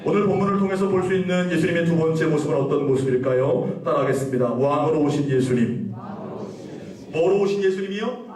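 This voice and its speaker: A male pastor preaching a sermon, asking the congregation questions, leading them in call-and-response and reading scripture slowly with emphasis. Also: a little high, darkish tone. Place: church sanctuary. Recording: echoey church hall, voice from a distance.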